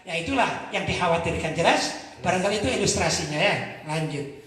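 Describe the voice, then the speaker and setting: A man's voice: high voice, expressive, brisk, fairly bright tone. A man, an Islamic cleric giving a conversational religious question-and-answer lecture, often checking in with his listeners through rhetorical questions. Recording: echoey hall with long reverb.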